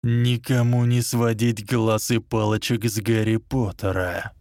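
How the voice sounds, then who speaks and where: A man voicing a cold, menacing dark lord who speaks low and slow. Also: flat delivery, no echo, clean studio sound, close to an everyday voice. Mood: coldly menacing.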